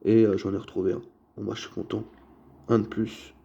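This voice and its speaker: A man's voice: fairly low pitch, little pitch movement, brisk, vocal fry, warm tone, muffled recording. A man casually showing and describing his flea-market toy car finds to viewers, chatty and full of fillers. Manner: chatty, filler-heavy, addresses viewers as "les gars". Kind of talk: casual show-and-tell vlog.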